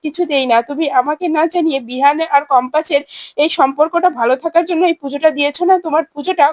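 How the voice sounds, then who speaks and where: A woman's voice: high-pitched, fast, darkish tone, no echo, lightly acted. A woman voicing a jealous, scheming young woman in a retold TV serial, speaking angrily and threateningly. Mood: vengeful. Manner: angry, threatening.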